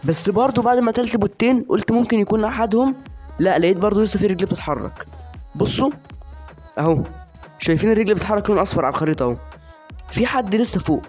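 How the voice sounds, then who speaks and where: A man's voice: high voice, racing, pauses often, a little mellow, soft background music. A young man with an Egyptian Arabic accent commentating his own shooter game live, chatty and teasing his opponents.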